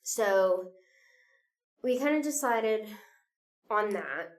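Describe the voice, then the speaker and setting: A woman's voice: mid-range voice, lively intonation, drawn-out words. A woman co-hosting a casual podcast chat, tired and yawning, chatty with frequent laughs and fillers. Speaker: podcast co-host, theater director.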